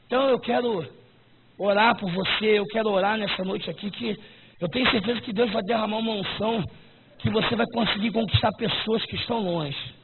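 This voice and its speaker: High-voiced preacher, shouting fervently. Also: male voice, steady tone, brisk, gravelly. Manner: fervent, often breaking into shouts. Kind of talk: sermon. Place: church service. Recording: tinny lo-fi recording with noise.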